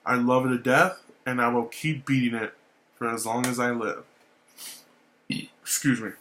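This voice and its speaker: Young male vlogger, laid-back and rambling, average pitch, casual swearing. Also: moderate pace, slight background noise. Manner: relaxed, rambling, repeats himself, swears casually. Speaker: YouTuber showing his game collection. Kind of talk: casual vlog talk.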